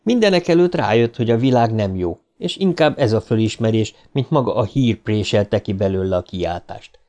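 A man narrating an audiobook in a dramatic, expressive reading style, voice rising as the tension builds. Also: lowish voice.

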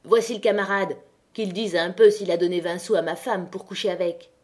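A woman's voice: on the low side, steady tone, brisk, lightly acted. A woman voicing a bullying miner man who threatens his neighbour in an audiobook. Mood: menacing. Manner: threatening, crude.

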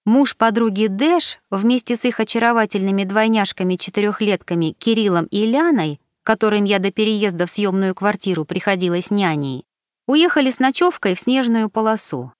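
A woman narrating a first-person novel as an audiobook. Her voice sits in a middle pitch and carries the story in a measured, expressive way. The recording is dry and close, with no room echo. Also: clear, resonant tone.

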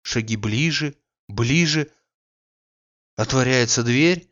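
A man narrating a classic novel in an audiobook, with measured, even storytelling, in a slightly dull recording. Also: mid-range voice.

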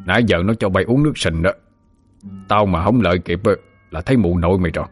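A man voicing a stern old male ghost-hunter, who scolds and threatens in a husky voice. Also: sits low, quick pace, soft background music.

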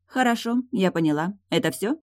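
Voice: medium pitch, lively intonation, normal speed, dry recording, clean studio sound, pitched above the performer's own voice, natural voice. A reader voicing a bitter, mocking young woman who was badly injured, sarcastic and cutting in an audiobook dialogue.

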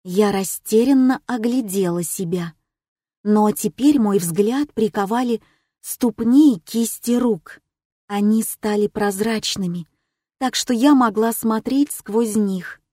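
Woman narrator, first-person audiobook, measured and calm, mid-range voice, dry close recording. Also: medium pitch, dry recording.

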